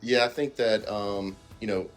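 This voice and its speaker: A man's voice: on the low side, a little slow, faint music behind. A man giving casual interview answers in a dry, understated way. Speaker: homeowner being interviewed.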